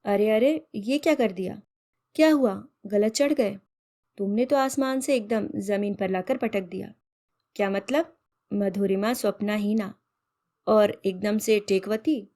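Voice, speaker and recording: A witty young sister-in-law, voiced by a woman narrator. She teases and banters in a lively, cheeky way, at a mid pitch. It suits a read-aloud story. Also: unhurried, lightly acted. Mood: teasing. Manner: playful, teasing banter.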